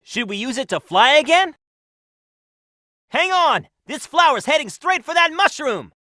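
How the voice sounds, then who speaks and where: A man playing a cocky, upbeat young hedgehog hero in a video game, brash and energetic. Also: extremely high pitch, a little slow, no echo, clean studio sound, exaggerated voice. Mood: cocky, excited. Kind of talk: video game in-action voice lines.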